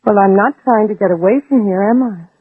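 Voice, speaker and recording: A woman with a medium-pitched voice speaks a little quickly, lightly acting the part of a brave, protective mother in a 1960s radio drama. She pleads earnestly and persuasively with an armed man, tender and sincere. The audio is old, band-limited radio sound, narrow, tinny, husky and dry, with no room sound.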